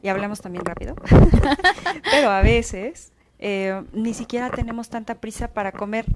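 Woman host, noisy recording. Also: a little high. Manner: conversational, brief affirmations. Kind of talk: TV interview.

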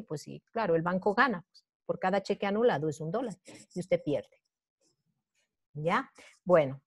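Patient woman teaching a class. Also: mid-range voice. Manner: patient step-by-step explaining, often checking in with students. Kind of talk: online class review.

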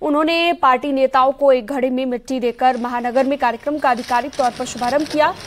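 A young woman anchoring a TV news bulletin in a studio, reading briskly and formally. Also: high-pitched, steady tone, a little hiss or hum. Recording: broadcast bed music underneath.

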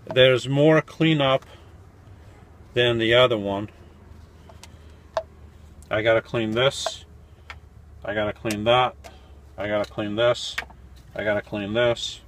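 Slow and steady, with long pauses, a medium-pitched and slightly bright voice belongs to a van-life vlogger in his forties, with slight background noise. At night in his cluttered little van he makes coffee and chats to camera how-to style, thinking aloud, correcting himself and sounding mildly puzzled.

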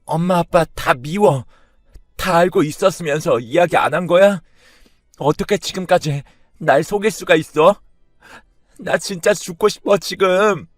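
A man's voice: unhurried, no echo, clean studio sound, faint music behind. A man voicing a betrayed eighteen-year-old daughter who wails and accuses her parents. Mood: anguished. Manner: shrill, wailing, accusing. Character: sobbing furious teenage girl, betrayed.

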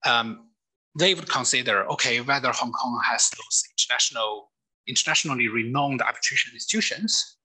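A middle-aged lawyer from mainland China, speaking with a Chinese accent, lectures over slides in a webinar from his office desk into a webcam. His medium-pitched voice is very bright and a little husky, his delivery hesitant with frequent fillers and restarted phrases, and the recording is rough.

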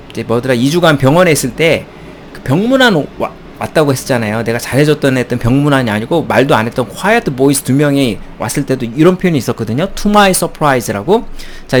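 A man teaching an English textbook lesson in a playful, animated way, with chuckles between points. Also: fairly high pitch, a little hiss or hum. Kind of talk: recorded textbook lecture.

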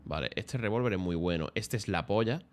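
Swearing streamer, slightly low voice. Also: male voice, expressive, brisk, a little hiss or hum. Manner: chatty, swears freely, thinks aloud. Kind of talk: casual gameplay commentary.

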